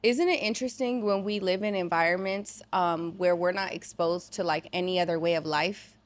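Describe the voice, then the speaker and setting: A woman's voice: on the low side, fairly even intonation, moderate pace. Chatty woman podcast host. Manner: warm, chatty, encouraging questions. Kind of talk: casual interview. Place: gallery space.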